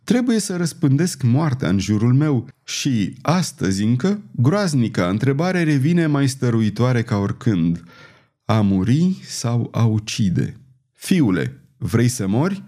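A man reading an audiobook, voicing an aging, bitter, scheming queen mother in a grave, measured manner. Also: mid-range voice, sing-song, dark tone, lightly acted.

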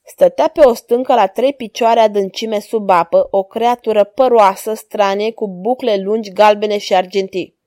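Warm-voiced woman reading a story. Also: medium pitch, dry recording, studio quality. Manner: calm, even reading. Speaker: narrator. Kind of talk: storybook narration.

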